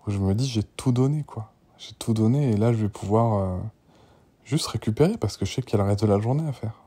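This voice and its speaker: A man in his thirties, a father recording a candid spoken audio diary, rambling and emotional with many restarts, sometimes dropping to a breathy whisper. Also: lowish voice, brisk, mellow. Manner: drops to a breathy whisper at tense moments.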